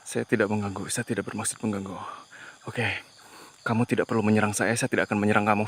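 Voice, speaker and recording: A man hosting a ghost-hunting vlog outdoors at night, talking to viewers in a tense, hushed way as he explores. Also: lowish voice, flat delivery, fast talker, slight background noise. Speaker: paranormal investigator host.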